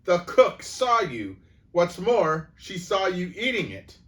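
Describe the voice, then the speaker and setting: A man voicing a furious, bullying headmistress who barks and booms insults at a child. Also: big pitch swings, slow pace, full character voice. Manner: booming, barking insults. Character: bullying hulking headmistress, woman, furious and cruel.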